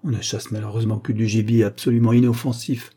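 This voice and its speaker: A man's voice: fairly low pitch, little pitch movement, warm tone, husky. A man reading a self-assured, courtly explorer. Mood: courteous. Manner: measured, self-assured, formal. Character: composed male explorer, confident and courteous.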